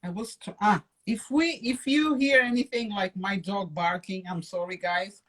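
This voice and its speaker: A woman from Portugal hosting a live video call from home, chatty and quick to laugh. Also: medium pitch. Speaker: live-stream co-host. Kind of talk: casual live-stream chat. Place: at home in London.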